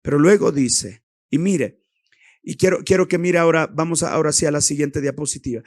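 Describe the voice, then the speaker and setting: A man's voice: fairly high pitch, fairly quick, no echo, clean studio sound. A male pastor preaching a sermon, swelling into emphatic passages and calling out to his congregation. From Ecuador.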